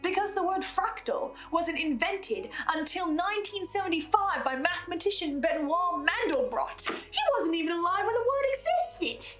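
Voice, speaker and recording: Her very high-pitched voice has lively intonation, a fairly bright tone and few pauses at a normal speed. As host of a horror audio drama recap, she lays out her theories to the listener dramatically and emphatically, working from a script with asides.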